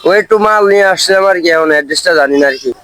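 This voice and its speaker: A man with a begs for help in a high, hurried voice. He plays a confused villager in a comedy sketch. The sound is dry and close to the mic. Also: fairly bright tone, clear, resonant tone, no echo. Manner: pleading, confused, repeating "brother". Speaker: comic actor in a village sketch. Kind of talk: rural comedy sketch dialogue.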